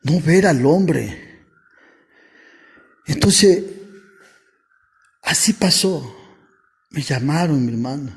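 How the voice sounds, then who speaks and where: A male preacher giving a testimony sermon in a slow, unhurried delivery. His voice is a touch high and husky, and it swings widely up and down as he speaks fervently and keeps calling his listeners brother. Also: animated.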